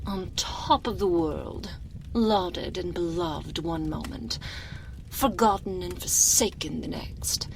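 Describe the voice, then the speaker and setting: A woman's voice: lowish voice, slow, vocal fry, background noise. A woman playing an imperious, seductive aristocratic vampire lady with wounded pride, in a languid, theatrical ASMR roleplay, close to the microphone and drifting into near-whispers. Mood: wistful, bitter. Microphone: close binaural microphone.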